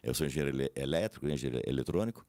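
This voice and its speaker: A company director from Brazil, raised in São José dos Campos, appears as a guest on a radio interview. His bass voice is animated, rapid-fire and slightly mellow, with no echo. He rambles and hesitates, often ending sentences with "né?".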